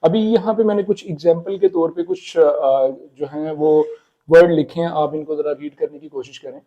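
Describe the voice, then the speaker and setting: A man explaining Chinese pronunciation in a casual spoken lesson, repeating words slowly. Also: fairly high pitch, highs cut off. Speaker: Chinese language teacher.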